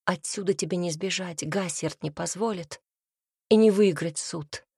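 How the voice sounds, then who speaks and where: A woman's voice: lowish voice, measured pace, mellow, breathy edge, no echo, clean studio sound. A woman reading the part of a self-sacrificing young woman in a storybook, speaking in an earnest, pleading way. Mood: resolute.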